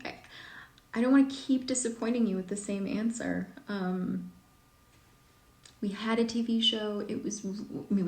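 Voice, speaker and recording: A woman hosts a casual live stream Q&A and answers fans' questions as an author. Her voice has a gravelly, creaky edge, and her rambling sentences often trail off softly. The sound is roomy and echoey. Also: a little high. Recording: echoey room.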